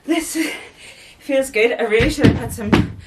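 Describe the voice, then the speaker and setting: A young woman talks in a loose, chatty vlog style, dropping lots of fillers while she walks through each move. Her voice sits a little high. She is picked up from across an echoey room, with faint noise behind her. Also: takes it slowly, distant mic. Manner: chatty, filler-heavy, explaining moves as she goes. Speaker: vlogger. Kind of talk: casual fitness vlog talk.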